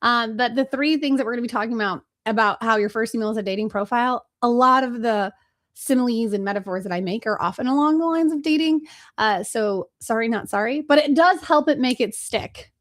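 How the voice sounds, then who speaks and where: Teaching a live webinar, the agency trainer from Chicago talks fast and with lots of energy in a higher-pitched voice. She's direct but casual, using filler words as she goes.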